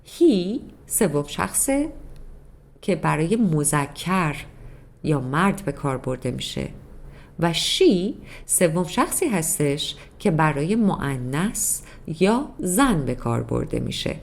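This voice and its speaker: A woman's voice: deep voice, sing-song, creaky. A woman teaching a beginner English grammar lesson in Persian, patiently explaining step by step and repeating examples. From Iran.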